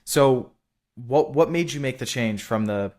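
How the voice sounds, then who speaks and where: A man hosting a casual interview, chatty and loose in his phrasing, with quick affirmations. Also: mid-range voice, darkish tone. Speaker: interviewer host.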